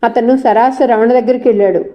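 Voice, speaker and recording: A woman's voice: on the high side, steady tone, brisk, dull audio. Woman narrating a novel.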